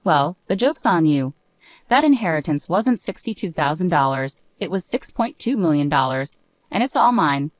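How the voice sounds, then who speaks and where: A woman's voice: low-pitched, very animated, normal speed. Woman reading as a cool defiant young wife.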